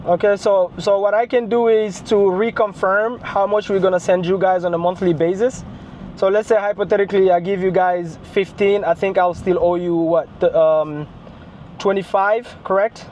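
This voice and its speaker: High-voiced man on a three-way phone call. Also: steady tone, normal speed, darkish tone. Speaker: real estate investor. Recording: phone call with faint noise.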